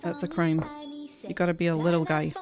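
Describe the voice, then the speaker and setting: A woman's voice: lowish voice, monotone, brisk. A woman streamer chatting playfully with her viewers while she draws, laughing often. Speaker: streamer sketching game characters. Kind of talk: casual live-stream chat with viewers. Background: music playing in the background.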